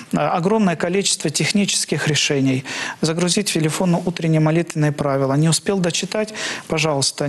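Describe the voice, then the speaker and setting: Priest guy giving advice on air, kinda high voice, gentle, lots of uh. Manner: gentle, advising, frequent hesitations. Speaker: Orthodox priest.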